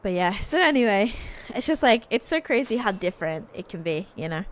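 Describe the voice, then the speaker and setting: A woman's voice: mid-range voice, very animated, a little fast, slight background noise. A woman, chatting casually and rambling with lots of fillers while she streams a game. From Australia. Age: late 20s. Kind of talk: casual chat while gaming.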